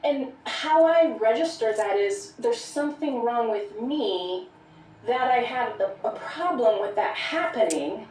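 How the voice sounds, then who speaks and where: A woman telling a personal story of abuse in an earnest, measured way, as a guest in a conversation. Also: fairly high pitch, animated, darkish tone, distant mic, slight background noise. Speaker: podcast guest. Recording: echoey room, off-mic.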